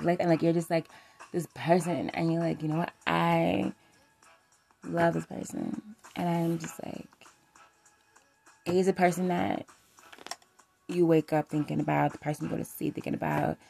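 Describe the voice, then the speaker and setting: A woman host speaks in a low, gravelly voice with plenty of vocal fry. Her relationship chat is blunt and loose, peppered with swearing and "like" fillers, while faint music plays underneath. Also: dark tone. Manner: candid and blunt, swears freely; loose and rambling, full of "like" fillers. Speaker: podcast host. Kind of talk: casual relationship talk.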